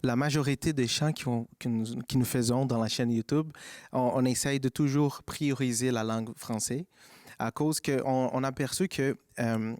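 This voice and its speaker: A man's voice: medium pitch, steady tone, moderate pace, a little mellow, dry recording, studio quality. A man from a vocal group explaining their work, with a hesitant, explanatory manner.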